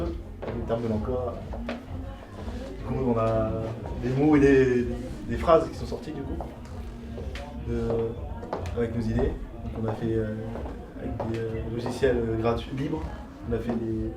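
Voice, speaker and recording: A man in his twenties explains a group project in halting phrases full of fillers. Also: mid-range voice, noisy background. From France. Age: 20s. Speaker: young program participant. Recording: distant mic in echoey crowded room.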